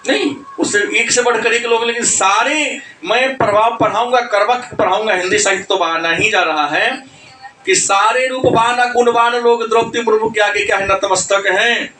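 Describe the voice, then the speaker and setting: A male teacher giving an animated classroom lecture, scolding students and laughing between points. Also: high voice, normal speed, echoey room, recorded from a distance, slight background noise, rough recording. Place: coaching classroom.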